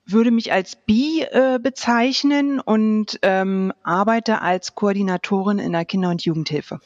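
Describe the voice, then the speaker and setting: A woman in her late thirties from Berlin, Germany, a youth welfare coordinator, talks casually as a podcast guest in personal interview answers. Her mid-range voice is a little slow as she hesitantly searches for words. The sound is dry and a little muffled with no echo.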